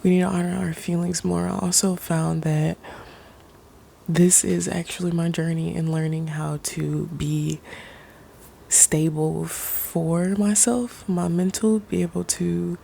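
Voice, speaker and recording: A woman giving a soft, hushed ASMR pep talk, reflective and halting, drifting at times toward a whisper. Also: on the low side, level tone, gravelly, a little hiss or hum. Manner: halting, pausing mid-sentence. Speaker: ASMR creator.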